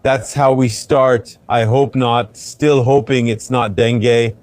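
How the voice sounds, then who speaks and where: A slightly congested man vlogs from a busy airport terminal, chatting casually and explaining things as he goes in a relaxed way. His voice is mid-range and slow, picked up by a noise-cancelling wireless clip-on mic with no room sound.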